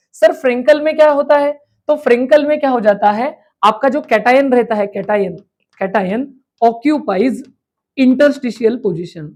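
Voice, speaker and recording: A woman teacher giving an exam revision lecture. She asks questions aloud and answers them herself, and she slowly repeats key terms. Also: fairly high pitch, mellow. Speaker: chemistry teacher.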